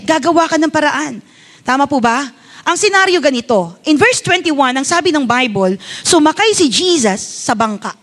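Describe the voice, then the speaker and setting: A woman pastor with a Filipino accent preaching a sermon, telling a story as a mother and often asking her congregation for agreement. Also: sits high. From Philippines. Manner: tells a personal story as a mother.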